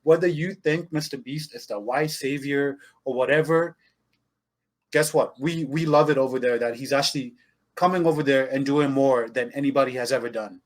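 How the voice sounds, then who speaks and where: A man's voice: medium pitch, normal speed. A man from Zimbabwe co-hosting a casual podcast, talking emphatically and addressing listeners directly. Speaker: podcast co-host.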